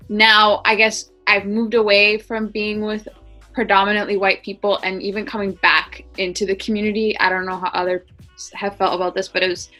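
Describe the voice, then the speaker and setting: A woman's voice: medium pitch, flat delivery, normal speed, sharp tone, faint music behind. A woman co-hosting a casual podcast discussion, reflective and a little hesitant as she searches for words. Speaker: podcast co-host.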